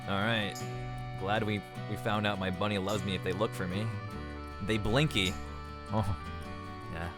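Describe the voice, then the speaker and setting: A man's voice: lowish voice, fairly even intonation, a little slow. Rambling man streaming with music behind. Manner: rambling, restarts often, reads chat aloud. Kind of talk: casual live-stream reaction chat. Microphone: desk microphone.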